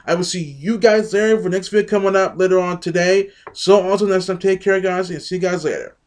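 A man's voice: high voice, a little fast, a little mellow. A young man giving casual news commentary to the camera, partly reading aloud, recorded at home on a webcam mic. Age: young adult. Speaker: video blogger commenting on news. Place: small room at home. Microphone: webcam mic at arm's length.

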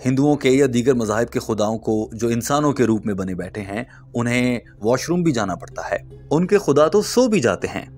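A man reading a scripted narration in a measured, explanatory way, posing rhetorical questions. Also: medium pitch, animated, darkish tone, soft background music.

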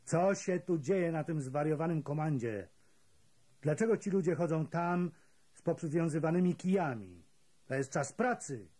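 A man's voice: a little high, lively intonation, moderate pace, dark tone, slightly rough, voice pushed up. A man doing an irate SS officer. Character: angry German SS officer, red with agitation.

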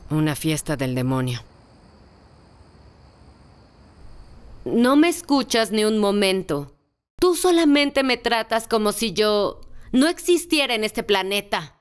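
A woman's voice: medium pitch, big pitch swings, unhurried, smooth. A woman dubbing an exasperated wife in her forties on a reality show, weary and complaining, in Spanish-dub style. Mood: angry. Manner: weary, fed-up complaining that builds to an angry confrontation. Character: exasperated wife, tired of a stingy husband.

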